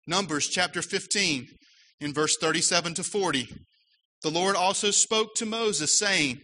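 A man's voice: high voice, unhurried, pushed and bright, slight background noise, rough recording. A man who is a pastor, preaching a sermon earnestly with emphatic rises.

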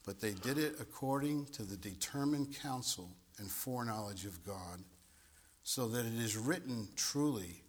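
A man preaching a sermon in a church at a pulpit microphone. He speaks deliberately, repeats words and swells to emphatic high points. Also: slightly rough.

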